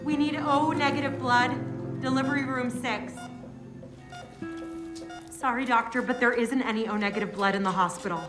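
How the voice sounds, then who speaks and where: A woman's voice: on the high side, pauses often, reverberant, music in the background, natural voice. A woman dubbing a nurse in a drama, urgent and coaxing.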